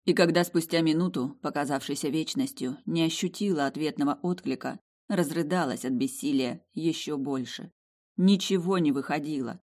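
A woman narrating a first-person fantasy audiobook in an emotive, expressive way. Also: low voice, moderate pace.

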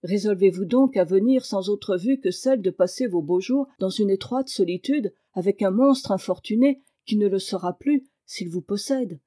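A woman voicing a gentle cursed prince who lives as a wild boar, in an earnest, pleading manner. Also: medium pitch, moderate pace, few pauses, close to an everyday voice. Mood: bitter. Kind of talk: read-aloud fairy tale.

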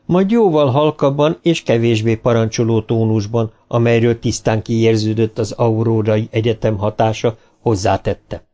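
A man with a mid-pitched voice narrates a novel for an audiobook. His reading is even and measured. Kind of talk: scripted narration.

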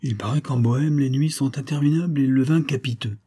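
A man's voice: mid-range voice, brisk, warm tone, slightly rough, pitched above the performer's own voice, close to an everyday voice. A man reading the lines of a proud French count who speaks formally and courteously. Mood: courtly. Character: French nobleman count, proud, startled hunter.

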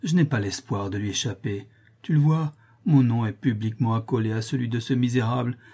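A man's voice: mid-range voice, animated, normal speed, mellow, husky. A man voicing a despairing old male porter who is easily upset, in a read-aloud novel. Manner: dramatic, wailing complaints.

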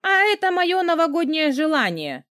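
Audiobook: woman reads a cheeky young heroine, bright lilting voice, dry booth sound. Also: fairly high pitch, very animated, normal speed, dry recording. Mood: pert. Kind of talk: audiobook character reading.

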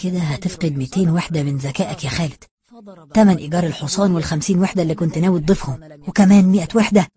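Egyptian accent young guy read by an audiobook narrator, angry but holding it in, talks quick. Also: mid-range voice, warm tone, lightly acted. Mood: brooding. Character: young man, angry yet holding back.

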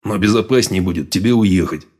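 A man doing a calm, growling mutant sage. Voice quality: low growling voice. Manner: calm, unhurried. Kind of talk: audiobook character voice.

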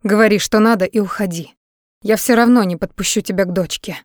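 A woman's voice: mid-range voice, a little fast, dry recording, studio quality, natural voice. A woman reading the part of a young mother who has just lost her baby, desperate and furious in turn. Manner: desperate, pleading, then furious.

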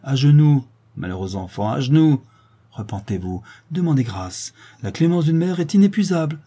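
A man's voice: mid-range voice, very animated, brisk, warm tone, husky, pitched above the performer's own voice. A man reading an audiobook, voicing a proud, desperate noblewoman who pleads with her son in an impassioned, declamatory way. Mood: indignant.

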